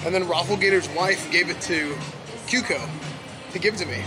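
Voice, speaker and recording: A man's voice: high voice, normal speed, music in the background. A young man streaming while he walks through a big indoor mall, joking and rambling with many restarts, recorded on a shoulder-mounted camera. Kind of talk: casual walking vlog. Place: large indoor shopping mall. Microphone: camera on a shoulder rig.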